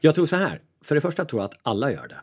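A man who works as a mental coach, giving casual advice in a lively, self-mocking way and acting out his own inner voices. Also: mid-range voice, breathy edge.

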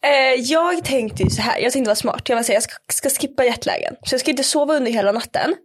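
A woman's voice: high-pitched, husky. A young woman chatting casually on a podcast, telling a story with lots of fillers and acted-out quotes. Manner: animated storyteller, acts out quotes in English. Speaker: podcast guest.

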